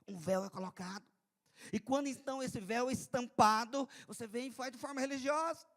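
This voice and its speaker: A man preaching a church sermon. He swings from quiet to loud and often repeats his phrases. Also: very high voice, fairly quick. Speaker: pastor. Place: church service.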